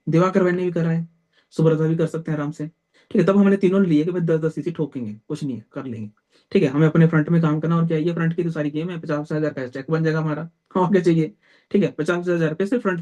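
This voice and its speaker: A young team leader runs a motivational sales team meeting, giving blunt, direct advice, calling his listeners brother and peppering his talk with "theek hai". His voice sits on the high side and is mellow, and he speaks quickly. The audio is dull.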